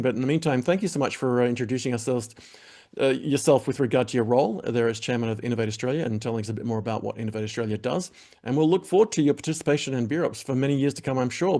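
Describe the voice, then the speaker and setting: Closing a web TV interview, a male host delivers energetic, rambling audience plugs dotted with fillers. His voice is mid-range and a little mellow.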